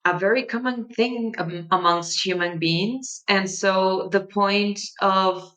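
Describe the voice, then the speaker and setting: Speaking with a fairly low pitch, a young woman from Mexico hosts her podcast, a native Spanish speaker whose Mexican Spanish accent carries a gentle, reflective monologue. Her manner is warm-hearted and unhurried, with soft pauses throughout. The recording is rough.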